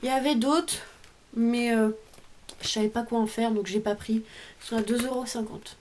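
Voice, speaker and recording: A woman's voice: fairly high pitch, steady tone, moderate pace, darkish tone, slight background noise. A woman vlogger casually showing off a craft haul at home, chatty and hesitant, often trailing off. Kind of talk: casual show-and-tell haul.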